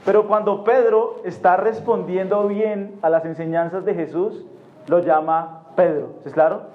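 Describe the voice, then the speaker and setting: A man's voice: high voice, fairly even intonation, normal speed, roomy sound, phone-quality sound. A man preaching a sermon in a church, explaining Bible passages and often checking that the congregation understands.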